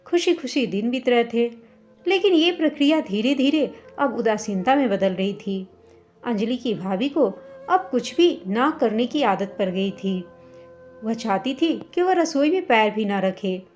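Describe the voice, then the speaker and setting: A woman's voice: on the high side, expressive, unhurried, a little mellow, faint music behind. A woman narrating a family story in a scripted storytelling style, speaking the characters' lines herself.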